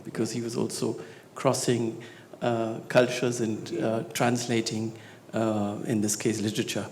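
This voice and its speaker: Hesitant Spanish-born scholar speaking on stage. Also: male voice, lowish voice, unhurried, slight background noise. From Spain. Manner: hesitant with many fillers, growing animated. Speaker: scholar panelist. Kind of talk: conversational talk on stage. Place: talk venue stage.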